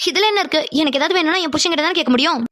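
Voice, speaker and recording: A very high, quick voice for a fretful young cartoon wife who gets flustered and stammers when teased, played by a woman. The sound is close and dry. She exclaims and protests often. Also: a bit bright, dry recording. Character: young flustered wife, shy and easily embarrassed. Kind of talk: animated cartoon voice acting.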